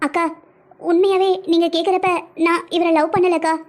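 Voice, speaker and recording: A woman's voice: extremely high pitch, flat delivery, moderate pace. A woman voicing a timid young bride pleading with her elder sister in a cartoon drama. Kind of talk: cartoon family drama acting.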